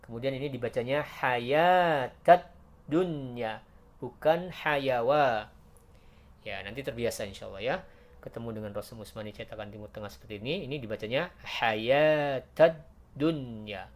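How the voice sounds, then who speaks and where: A man teaching Quran recitation rules in a patient, explaining way, breaking into loud drawn-out chanted verses. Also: medium pitch. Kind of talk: tajweed lesson with recited examples.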